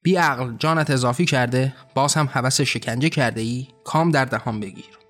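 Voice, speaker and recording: A stern, commanding archangel snaps at the other angels to be quiet, as a man voices him. He talks in short, clipped orders, with soft music under the voice. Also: medium pitch, lightly acted. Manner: curt, commanding. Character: harsh scolding male archangel.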